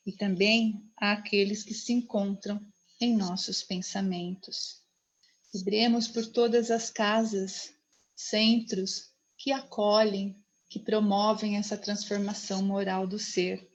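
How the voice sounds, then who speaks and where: A woman leading a spiritist group prayer in measured, solemn, reverent phrases. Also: mid-range voice, highs cut off. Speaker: prayer leader.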